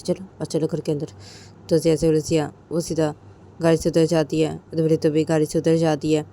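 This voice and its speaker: A woman's voice: sits low, dark tone. A woman narrating a romance story in a plain, repetitive storytelling way.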